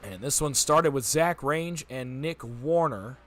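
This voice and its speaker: A man calling a race as the play-by-play announcer, rattling off positions quickly and building excitement on big moments. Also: medium pitch. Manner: rapid-fire, auctioneer-like calling when the pack is close. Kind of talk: sim racing play-by-play commentary.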